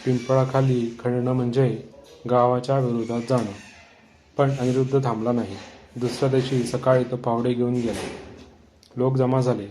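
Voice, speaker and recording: A man tells a horror story in a calm, measured way. His voice is dark and mellow, steady in pitch. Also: a little hiss or hum.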